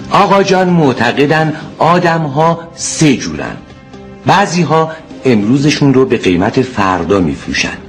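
A man recalls his younger days in a wistful, storytelling voice, voiced by an actor. His pitch moves in a lively way, and faint music runs underneath. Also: natural voice. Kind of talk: reflective drama narration.

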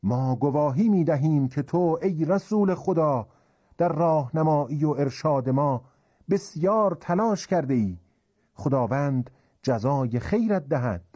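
A man's voice: fairly high pitch, lively intonation, dark tone, breathy edge, pitched above the performer's own voice. A man voicing a crowd of people answering together with raised, eager declaiming, in a dull, reverberant recording. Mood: fervent.

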